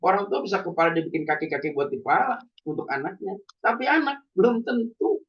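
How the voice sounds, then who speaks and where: A man's voice: sits high, expressive, a little fast, slightly rough. A man preaching a conversational sermon, telling everyday stories and asking the listeners rhetorical questions. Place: mosque hall. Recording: distant dull lo-fi.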